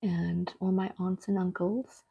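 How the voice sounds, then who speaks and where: A woman's voice: lowish voice, flat delivery, vocal fry, husky, dull audio. A middle-aged woman from Cape Town, chatting to viewers while painting on a live stream. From Cape Town, South Africa. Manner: chatty, speaks straight to viewers, unhurried. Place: home art studio.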